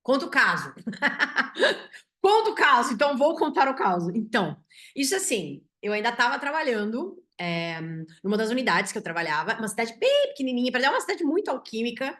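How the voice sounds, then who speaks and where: A woman doctor with a Brazilian Portuguese accent recounts a clinical case as a story. Her voice sits a little high for a woman. She keeps the telling animated and keeps checking in with "né?". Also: fast talker. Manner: animated, tags sentences with "né?". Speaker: physician teaching symbolic medicine. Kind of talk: storytelling a case to an online audience.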